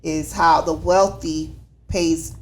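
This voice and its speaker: A woman's voice: low-pitched, steady tone, slow pace. A woman hosting a casual conversation, affirming her guest and asking guiding questions. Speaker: host. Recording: faint background noise.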